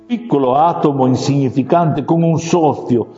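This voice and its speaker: A man's voice: mid-range voice, normal speed, mellow, voice pushed up, close to an everyday voice. A man doing a blustering boastful lion king. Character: huge proud boastful male lion. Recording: long reverb, muffled, faint music.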